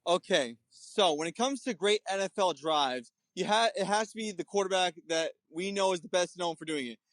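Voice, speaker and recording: A man's voice: sits high, normal speed, fairly bright tone, no echo. A man from the New Jersey area making a confident, playful debate argument about football. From New Jersey area, USA.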